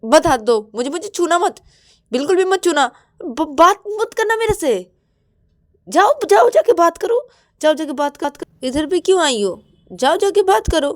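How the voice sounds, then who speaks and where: A woman's voice: fairly high pitch, fairly even intonation, moderate pace, clear, resonant tone, voice pushed up, close to an everyday voice. A woman voicing a young woman, sulky and jealous, complaining in a whiny, pouty way. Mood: angry.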